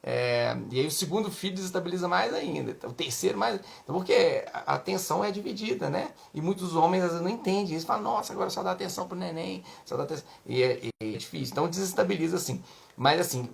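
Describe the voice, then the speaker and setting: Creaky-voiced Brazilian doctor giving advice. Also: male voice, a little high, animated, quick pace. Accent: Brazilian Portuguese. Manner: chatty, peppered with tag questions. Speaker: pediatrician giving parenting advice. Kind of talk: casual advice talk.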